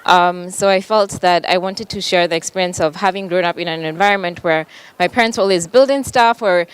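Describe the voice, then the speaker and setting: A woman's voice: on the low side, brisk, clear, resonant tone, no room sound. A young woman from Kenya giving a conference panel talk, casual and full of ums. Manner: casual, with frequent ums and light laughs. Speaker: panel speaker. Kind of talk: conference presentation. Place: conference hall.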